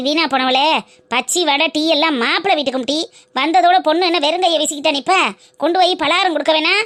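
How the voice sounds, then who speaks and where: A woman's voice: sits high, fairly even intonation, quick pace, a bit bright, a little hiss or hum. A woman voicing a bossy old village grandmother who scolds and gives orders in a cartoon. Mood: scolding. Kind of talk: cartoon voice acting.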